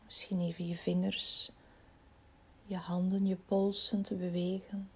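A woman leading a guided body-scan relaxation in a slow, soothing, soft voice that often drops near a whisper. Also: on the low side, level tone, slightly rough.

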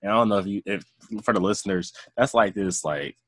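A man in his twenties co-hosting a casual podcast chat, talking in a relaxed, rambling way with lots of fillers. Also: on the low side, fairly quick. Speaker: podcast co-host.

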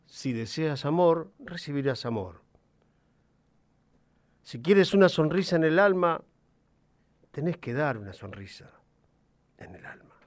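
A man voicing a gentle, wise father who patiently explains life to his young son in a soft, calm voice. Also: fairly high pitch, unhurried, long pauses. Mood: tender, wise.

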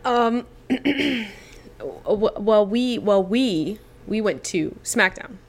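A woman co-hosting a casual podcast chat, wry and quick to laugh, sleep deprived. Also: medium pitch. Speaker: podcast co-host.

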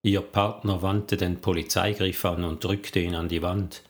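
A man narrating a crime novel in a steady, measured storytelling manner. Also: deep voice. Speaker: audiobook narrator.

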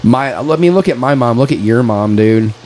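A man's voice: mid-range voice, lively intonation, normal speed, a little mellow, a little hiss or hum, poor audio. A man in his late thirties, co-hosting a casual podcast, swearing a lot and calling everyone dude. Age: 30s. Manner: profane, calls everyone dude, venting frustration. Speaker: podcast co-host. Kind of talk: casual chat.

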